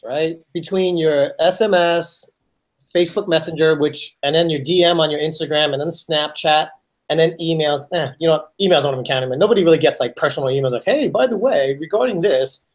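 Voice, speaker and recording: A man's voice: fairly high pitch, fairly quick. A man co-hosting a podcast, asking loose questions full of fillers in casual chat. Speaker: podcast co-host.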